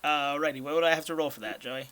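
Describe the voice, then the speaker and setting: A young man with a Californian accent, bright and forward in tone with a slightly high pitch. He chats easily and pokes at the rules while playing a tabletop game. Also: fairly even intonation, fast talker. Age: young adult. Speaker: player. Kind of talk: casual chat around a tabletop game.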